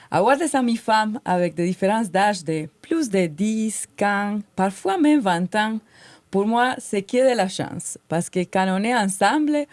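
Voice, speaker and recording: With no room sound at all, a Colombian podcast co-host in her forties speaks in a medium-pitched, darkish voice. Her light Colombian Spanish accent comes through as she works from prepared notes, sounding earnest and heartfelt.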